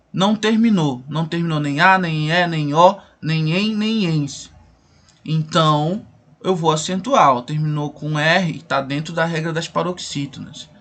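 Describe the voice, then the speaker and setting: High-voiced Brazilian teacher explaining grammar. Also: male voice, sharp tone. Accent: Brazilian Portuguese. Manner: asks rhetorical questions and answers them, repeats rules. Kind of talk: recorded grammar lesson.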